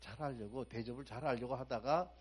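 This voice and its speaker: Animated Korean male preacher. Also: medium pitch, fairly quick, breathy edge. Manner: animated, swings from soft asides to loud emphatic outbursts; asks the congregation frequent rhetorical questions. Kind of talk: sermon.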